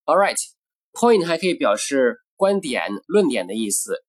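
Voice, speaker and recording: Man, English teacher, deliberate model phrases, bilingual explanations. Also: fairly high pitch, big pitch swings, slightly rough. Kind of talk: scripted language lesson.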